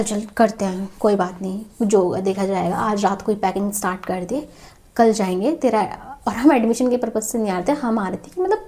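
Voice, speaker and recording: A woman's voice: medium pitch, mellow. A young woman in her twenties telling a personal story in a candid, emotional vlog, rambling with many restarts. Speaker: vlogger.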